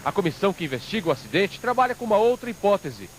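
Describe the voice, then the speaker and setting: Man, Brazilian accent, high pitch, animated intonation, scripted news narration, faint noise. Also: racing. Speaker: news reporter.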